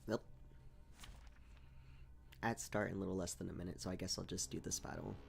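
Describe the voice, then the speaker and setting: A man livestreaming a game, reading its narration aloud and adding casual commentary in a creaky voice. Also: flat delivery, a little fast, background noise. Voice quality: deep, creaky. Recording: game music behind.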